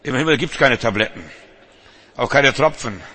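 A man preaching an evening sermon to a congregation, emphatic and repeating key phrases, slowing down for refrains and dropping in humorous asides. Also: mid-range voice, sharp tone, slightly rough.

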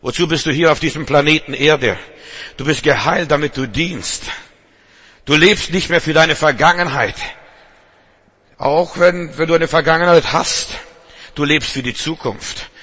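A man delivers an evening sermon in a church hall, hammering home his points by repeating them and slowing down for each refrain. His voice is bright and a little husky, pitched slightly above the usual for a man. He mixes stern exhortation with wry humorous asides. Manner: emphatic, repeats key phrases, slows for refrains, humorous asides. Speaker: preacher.

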